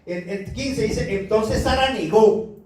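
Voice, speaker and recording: A man's voice: high-pitched, takes it slowly, a little mellow. A male pastor preaching a sermon and reading from the Bible, talking earnestly and asking his listeners "you know?" again and again. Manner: earnest, repeats "¿sabe?" to the congregation. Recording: very echoey room, voice far from the mic.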